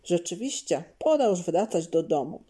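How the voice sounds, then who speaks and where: A woman's voice: on the low side, husky. A woman reading a patient father explaining. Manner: calm explaining, measured.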